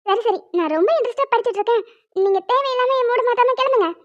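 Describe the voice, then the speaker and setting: Woman voicing a squeaky high young cartoon wife, sweet and pleading, fast talker, pitched up, muffled lo-fi sound. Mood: teasing. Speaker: voice actor. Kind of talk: homemade cartoon dubbing. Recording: dull lo-fi recording.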